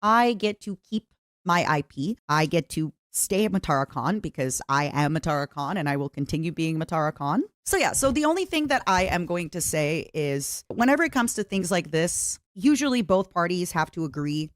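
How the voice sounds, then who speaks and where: A woman streamer with a low voice talks to her viewers in a subdued, fairly monotone way. She has just woken up and is a little nervous, so she picks her words carefully. The sound is dry and close. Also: normal speed, no echo. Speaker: VTuber streamer. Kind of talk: livestream statement to viewers.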